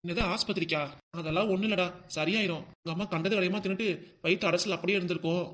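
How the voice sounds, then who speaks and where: A man's voice: high voice, steady tone, rapid-fire, fairly bright tone. A man voicing a dismissive cartoon father. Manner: dismissive, offhand. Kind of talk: cartoon voice acting.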